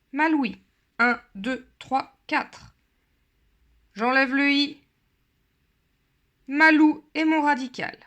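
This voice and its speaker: A woman gives a grammar lesson and talks unhurriedly, taking her time over every form. Her voice is bright and sits fairly high, and she counts methodically through each example. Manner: counts methodically, patient step-by-step explanation. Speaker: Latin teacher. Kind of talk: classroom lesson.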